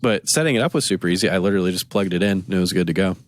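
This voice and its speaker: Low-pitched and rapid-fire, this podcast co-host rambles through animated stories in a casual chat, acting out the quoted back-and-forth between people.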